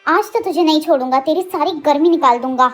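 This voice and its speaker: A woman's voice: high voice, fast, a bit bright, faint music behind. A woman voicing a hot-headed, jealous young man who threatens and protects in a dramatized story reading. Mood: furious. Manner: threatening, blunt.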